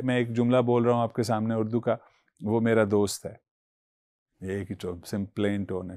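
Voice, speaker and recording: A man's voice: mid-range voice, a little mellow, no echo, studio quality. A male teacher giving a patient classroom lecture, moving his voice up and down as he explains.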